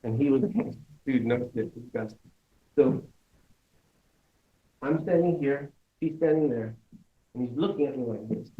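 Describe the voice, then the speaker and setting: A man telling a crude story on stage, profane and animated, laughing as he goes. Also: mid-range voice, measured pace, long pauses, narrow, tinny audio. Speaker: live storyteller. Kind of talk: live storytelling.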